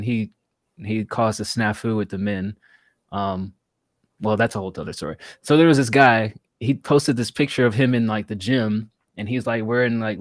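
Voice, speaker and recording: A man's voice: fairly low pitch, dry recording. A young man co-hosting a casual comedy podcast, rambling and laid-back with lots of fillers. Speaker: podcast co-host.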